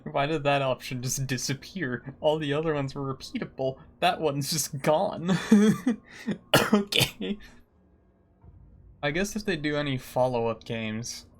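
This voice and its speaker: A man's voice: medium pitch, normal speed, hardly any pauses. A man giving casual, joking commentary while playing a video game. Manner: joking, wry asides. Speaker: gamer streaming a playthrough.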